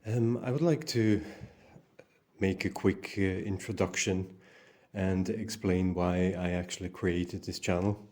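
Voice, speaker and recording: A man's voice: low voice, steady tone, unhurried, darkish tone. A Hungarian-born man hosting his own channel, talking in a casual, rambling monologue full of fillers and restarts. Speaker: channel host.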